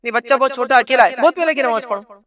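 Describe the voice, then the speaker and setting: Guy with a pretty high voice giving a sermon, chatty, keeps asking the crowd questions. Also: fairly bright tone. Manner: conversational, rhetorical questions to the audience. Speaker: preacher.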